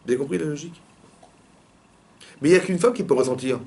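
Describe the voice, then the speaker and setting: Fast-talking rabbi questioning his class. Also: on the high side, darkish tone. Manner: fires repeated questions at students. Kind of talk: interactive religious lesson. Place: classroom with students.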